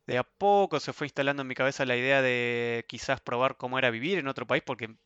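A young Argentine man with an Argentine Spanish accent, speaking in a casual online interview, thoughtful and hesitant, often trailing off softly. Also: mid-range voice, quick pace, smooth, no echo, dull audio. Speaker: interview guest. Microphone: video call.

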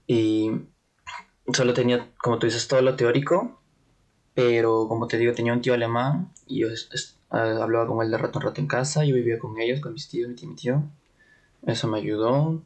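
A young man from Peru, talking casually in an interview. He hesitates and hunts for words, with frequent little laughs, at an ordinary pitch for a man. His delivery is relaxed and unhurried. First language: Spanish. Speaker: interview guest, trainee in Germany.

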